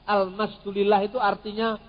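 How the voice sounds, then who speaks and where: A middle-aged man with a fairly high voice, teaching theology in a lively, joking way. His words carry the long echo of a hall, and the recording sounds a little dull. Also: moderate pace. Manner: animated, jokey, mixes in Javanese words. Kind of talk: lively teaching talk with humor.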